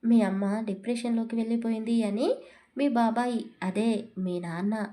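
A woman reading the lines of a cruel, mocking middle-aged man in a storybook, with taunting, shouting delivery. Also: fairly high pitch, normal speed, close to an everyday voice.

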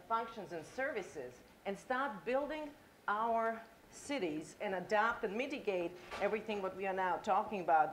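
A middle-aged Croatian woman with a Croatian accent gives a conference talk in a lecture hall, engaging the audience by asking them questions. Her voice is medium-pitched, with a slight hiss or hum in the recording.

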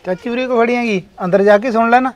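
Extremely high-pitched and fast, a man performs in a family comedy skit as the elder brother, pressing his family with reasons to resolve a domestic quarrel while music plays.

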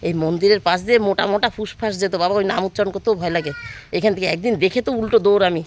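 A woman's voice: medium pitch, fast, a little hiss or hum. Woman, 30s, casual vlog, outdoors, phone mic, faint background ambience. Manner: chatty, pointing things out to viewers. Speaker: vlogger. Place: outdoors in a village among trees.

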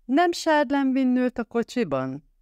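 An audiobook reader voicing a scruffy, eager young man who is quick to take offense. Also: high-pitched, huge pitch swings, a little mellow, clean tone, dry recording, voice pushed up.

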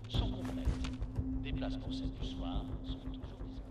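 A man voicing a male public address announcer who gives calm, formal notices over a PA system. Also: normal speed, music in the background.

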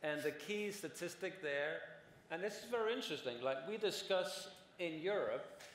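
Speaking on stage in a large conference hall, a man in his forties serves as a panelist and explains at length, tagging his points with "right?" His fairly high voice is expressive and a bit bright, at a normal pace. A little hiss or hum sits under the long reverb of the roomy hall.

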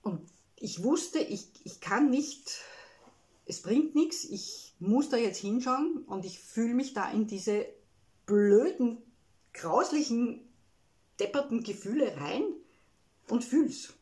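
Emotional Austrian woman, halting reflective talk. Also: a little high, lively intonation, warm tone. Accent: Austrian German. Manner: emotional, halting, frequent "ja" tags. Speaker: spiritual self-help speaker.

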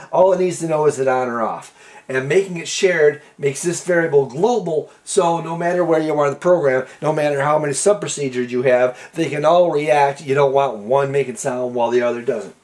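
Folksy man explaining code, higher voice. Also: darkish tone. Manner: folksy and rambling, with many restarts and fillers. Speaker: programming tutorial host. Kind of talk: casual screen-recorded coding lesson.

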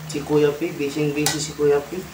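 A man with a Filipino accent talks casually to his viewers while cooking, giving shout-outs between stirs. The sound is roomy, picked up in a home kitchen, with loud sizzling and the clatter of pans behind him. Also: on the high side, flat delivery, moderate pace, heavy background noise. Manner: chatty, greeting viewers while stirring. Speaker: cooking vlogger. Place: home kitchen, indoors, at a stove.

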